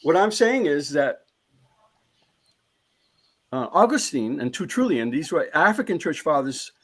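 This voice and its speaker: On a live discussion panel, a man with a fairly high voice speaks earnestly and emphatically, a little slowly, with big swings in pitch. He keeps circling back over his own phrases to drive each point home.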